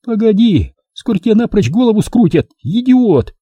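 A man reading an audiobook, putting on the voice of a sharp-tongued, scolding woman. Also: very animated, moderate pace, husky, dry recording, highs cut off, full character voice. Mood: shrill scolding. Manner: shrill, mocking, bossy. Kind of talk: audiobook character voice.

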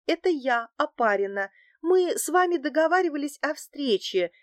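A woman reader voicing a young woman who fakes the part of a nervous, naive schoolteacher, talking in a halting, flustered way. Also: a little high, darkish tone, no room sound, clean studio sound.

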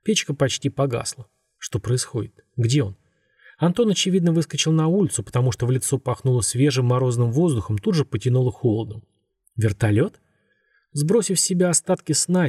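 A man with a husky voice narrating a story in a steady, measured way. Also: medium pitch, no room sound, studio quality. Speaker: audiobook narrator. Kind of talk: scripted narration.

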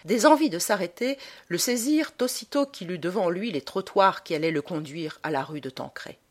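Expressive woman reading a story. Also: lowish voice, normal speed. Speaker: reader. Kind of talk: audiobook narration of a short story.

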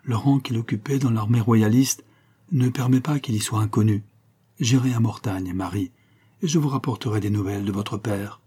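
A man's voice: fairly low pitch, moderate pace, warm tone, breathy edge. A man voicing a fervent young nobleman declaring his love and vowing to set out, declaiming with a raised voice. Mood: resolute.

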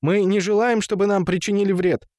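A man voicing a group of indignant brothel women who protest loudly. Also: sits high, steady tone, a little fast, dry recording, studio quality, voice pushed up, natural voice. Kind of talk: audiobook character voice.

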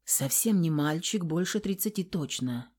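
A woman narrates a first-person novel in a measured, intimate voice. Her pitch sits a little low. The reading is calm and steady. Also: husky. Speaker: audiobook reader.

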